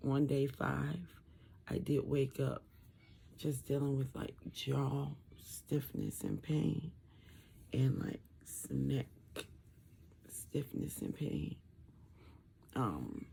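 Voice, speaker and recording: A tired, medicated twenty-nine-year-old with a sore, muffled, thick voice from a swollen throat after tonsil surgery, talking casually and haltingly to camera. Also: mid-range voice, vocal fry, mellow, slight background noise. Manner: halting, rambling. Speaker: vlogger sharing surgery recovery. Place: room at home.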